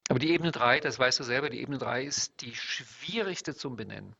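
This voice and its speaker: A man's voice: medium pitch, animated, fairly quick, creaky, bright, forceful tone, slight background noise. A man who works as an NLP trainer, explaining his ideas step by step in an interview. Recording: dull lo-fi sound.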